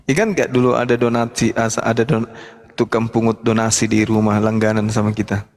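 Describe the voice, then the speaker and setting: A man with a gravelly, creaky voice hosts a live religious discussion stream. He speaks bluntly and mocks his opponents. The sound carries a long hall reverb. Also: fairly low pitch, level tone, brisk. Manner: blunt, mocking. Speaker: host.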